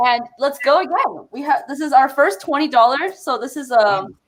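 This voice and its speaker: Woman, high voice, giggly chatty co-host on a video call. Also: expressive, moderate pace. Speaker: fundraiser co-host reading trivia. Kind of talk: casual livestream chat.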